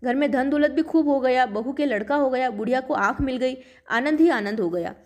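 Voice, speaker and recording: A woman's voice: high voice, fairly quick. A woman, narrating devotional folk tales in a plain, homely storytelling tone.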